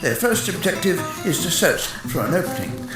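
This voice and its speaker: A man giving a mock-serious nature documentary narration in formal, measured phrases. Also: a little high, sing-song, reverberant. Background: music.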